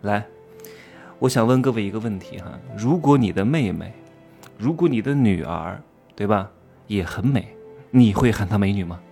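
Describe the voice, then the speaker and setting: A man with a low, gravelly voice and a lilt talks straight to his viewers. He teases them and keeps throwing out rhetorical questions. Soft music plays faintly under him. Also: animated, normal speed, long pauses. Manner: provocative, rhetorical questions, teasing. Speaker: self-styled commentator. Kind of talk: casual monologue commentary.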